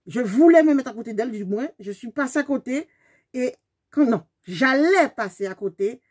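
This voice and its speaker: Animated woman in her fifties. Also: fairly high pitch, moderate pace, breathy edge. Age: 50s. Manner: animated, emphatic storyteller talking straight to her viewers. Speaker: beauty vlogger. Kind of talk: storytime vlog.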